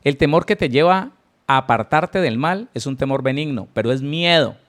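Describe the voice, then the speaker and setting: A man's voice: on the high side, normal speed. A middle-aged man preaching a Bible teaching sermon, earnest, repeating key words and speaking straight to his listeners with rhetorical questions. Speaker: pastor.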